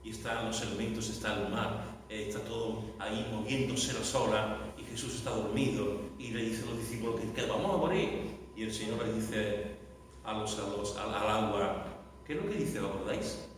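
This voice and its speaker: Recorded from far off in a big echoing church hall, a man preaches a sermon in a fairly low voice with fairly even intonation and normal speed. He's dramatic, repeating lines and breaking into loud cries for emphasis, while faint room noise sits under the long reverb.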